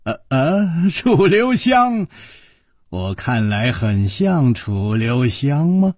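A male storyteller playing a carefree, suave young swordsman hero with a light, teasing, unhurried drawl. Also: medium pitch, very animated, darkish tone, dry recording, clean studio sound, pitched below the performer's own voice, heavily acted. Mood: playful teasing. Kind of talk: traditional storytelling performance.

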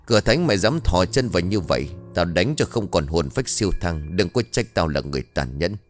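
A man voicing a stern young male fortune teller who hisses threats in a harsh, low voice. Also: lively intonation, a little fast, soft background music. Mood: threatening.

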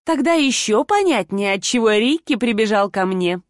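A woman's voice: a little high, lively intonation, moderate pace, no echo, studio quality, lightly acted. A woman voicing a spiteful, sneering rich young woman who bullies others, in an audiobook. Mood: mocking. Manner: sneering, snarling. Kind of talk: audiobook character voice.

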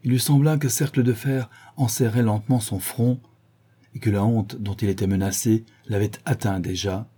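A man narrating a classic novel in a measured, dramatic reading. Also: on the low side, fairly even intonation, dark tone, slightly rough. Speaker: audiobook narrator. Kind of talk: scripted narration.

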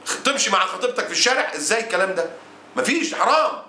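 An indignant Egyptian preacher delivers his sermon at a racing clip, his voice high and sharply bright. He scolds with fiery conviction. The room around him rings with echo. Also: animated, very fast. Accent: Egyptian Arabic. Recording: roomy echo.

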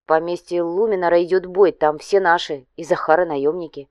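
A woman's voice: lowish voice, steady tone, a little fast, a little mellow, no echo, clean studio sound, natural voice. A woman voicing a hesitant, dutiful male aide reporting to his superior.

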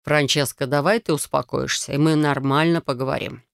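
Woman doing a calm gravelly prince mage. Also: low voice, fairly quick, dry recording, clean studio sound. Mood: calm, patient. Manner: soft, even, condescendingly gentle. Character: calm, patient young male prince mage.

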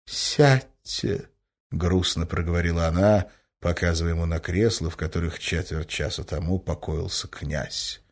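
A man's voice: low voice, level tone, moderate pace, few pauses, breathy edge. A man reading classic literary prose aloud as an audiobook narrator, with dramatic expression.

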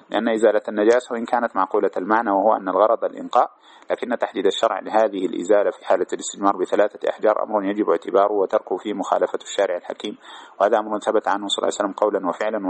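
A man teaching a classroom lesson, reading a text aloud and explaining it, often checking with his students. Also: on the low side. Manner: fast, checks understanding with asides to students. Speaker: teacher of hadith commentary.

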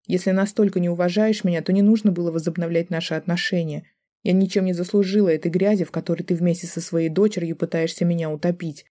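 A man's voice: mellow, natural voice. Man voicing a tearful defiant young woman. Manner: shrill, hurt and defiant. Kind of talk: audiobook character voice.

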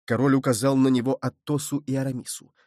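A man narrating an adventure novel as an audiobook, with steady, dramatic storytelling. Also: medium pitch, fast, no room sound, studio quality.

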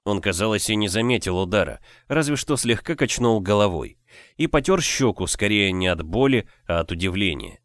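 A man narrating a first-person novel in a measured, expressive reading. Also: on the low side, no echo, studio quality. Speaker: audiobook reader.

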